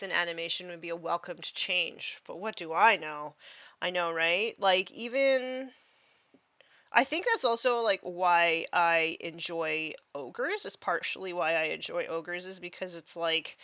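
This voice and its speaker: Woman streamer, thirties, unhurried hobby chat, dry slightly muffled mic. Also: lowish voice, no echo. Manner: relaxed and chatty, many fillers, baby-talks to her dog. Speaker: streamer painting miniatures. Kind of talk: casual live-stream chat while painting.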